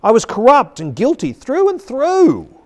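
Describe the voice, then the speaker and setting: A man teaching a class on preaching, reading a passage aloud with strong emphasis and slowing down on key words. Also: very high voice, wildly swooping pitch. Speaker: preaching instructor. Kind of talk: teaching talk with a dramatic read-aloud. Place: seated at a chair.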